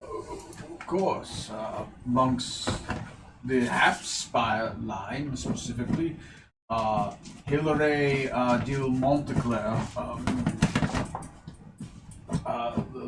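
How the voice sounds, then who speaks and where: A man playing Charles, an older nobleman who hesitates. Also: medium pitch. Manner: halting, stumbling over words. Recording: echoey room, distant mic, faint hum.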